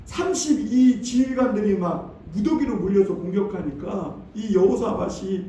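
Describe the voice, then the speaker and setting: Male pastor, conversational storytelling sermon, high voice, very echoey hall, distant mic. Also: measured pace, mellow. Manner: storytelling, conversational, asks congregation questions. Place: church sanctuary.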